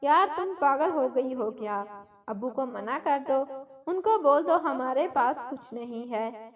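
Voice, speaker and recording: A woman reading aloud does a tired young husband who snaps short, dismissive replies in a high, light voice. He sounds worn down and impatient with everyone around him. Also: lively intonation, recorded from a distance, highs cut off. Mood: irritable. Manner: curt and dismissive. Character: weary, irritable young husband, man. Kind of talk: storytelling narration.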